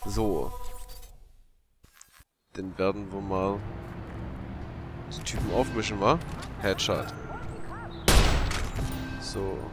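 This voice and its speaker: Low-voiced grumbling gamer guy, loud gunfire behind. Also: fairly even intonation, extremely slow, long pauses. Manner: slangy, grumbling. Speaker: let's player. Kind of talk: casual gameplay commentary. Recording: loud game gunfire and vehicle noise. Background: shooter game sounds.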